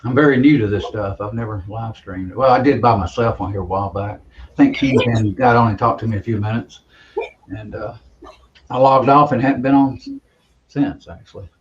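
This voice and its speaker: A man's voice: fairly low pitch, fairly quick, lo-fi sound, slight background noise. A plainspoken, folksy man on a live-stream voice chat, new to streaming and chatting casually. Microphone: online voice chat.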